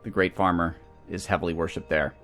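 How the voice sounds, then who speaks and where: A man with a deep, slightly bright voice and fairly even intonation talks a little fast as he hosts a video game playthrough over background music. The gaming series host chats casually, thinking aloud while he weighs his options.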